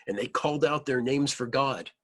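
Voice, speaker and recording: A man with a medium-pitched voice reads a picture book aloud to children at a normal speed. He is expressive and adds simple explanatory asides as he goes.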